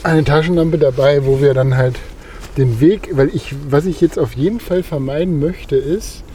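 A man's voice: a little high, normal speed, mellow, a little hiss or hum. A male podcast co-host chatting casually and jokingly while walking outdoors at night. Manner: jokey, rambling, laughs easily. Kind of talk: casual conversation. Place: outdoors, walking through a foggy park at night.

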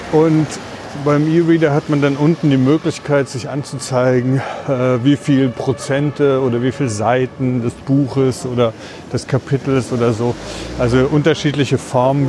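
A man with a mid-pitched voice presents casually on a podcast, pausing to find his words as he walks. Street and vehicle noise is clearly audible around him. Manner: halting, thinking aloud while walking. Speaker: podcast co-host. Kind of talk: casual chat, presenting a topic. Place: outdoors on a city street along a tram line.

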